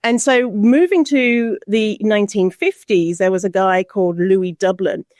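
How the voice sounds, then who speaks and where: A woman's voice: medium pitch, a little slow, darkish tone, no room sound. Blunt, sarcastic woman podcast guest. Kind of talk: casual podcast discussion.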